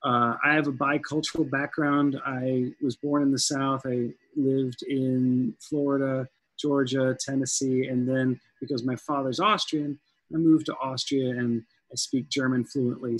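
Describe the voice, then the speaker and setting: Speaking over a headset mic from home, a music professor in his forties appears as a guest on a panel video call, conversational and thoughtful, using plenty of fillers. His medium-pitched voice is husky and fairly bright, at a moderate pace with fairly even intonation. The recording is dry and rough.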